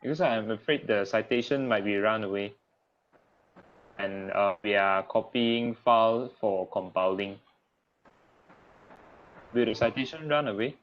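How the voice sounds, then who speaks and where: A man's voice: on the low side, a little slow, pauses often. A young man with a Malaysian accent leading a casual group discussion, tentative, tagging phrases with lah and ah. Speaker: student discussion leader. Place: online group call. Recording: dull lo-fi online call audio.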